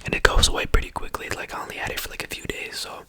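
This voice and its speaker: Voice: very fast, pushed and bright. A whispering ASMR creator rambling casually and repetitively in slangy speech, close to the microphone. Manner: slangy, repetitive, rambling, often saying bro and you know.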